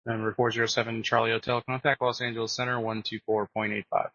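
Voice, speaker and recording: A man's voice: mid-range voice, little pitch movement, quick pace, sharp tone, dry recording. A man giving procedural instructions as an air traffic controller over radio. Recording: muffled dry aviation radio.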